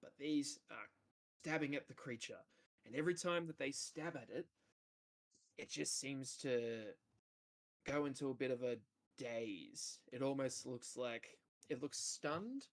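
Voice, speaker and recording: A man with a big, booming voice narrates as game master of a tabletop role-playing game. He keeps things casual and jokey and never hurries.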